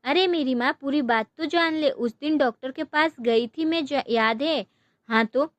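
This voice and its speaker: A woman's voice: high voice, a little slow, no room sound. A woman voicing a young, gushing best friend, pleading through tears in a storybook. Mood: explaining. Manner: emotional, pleading, mixes Punjabi and English words.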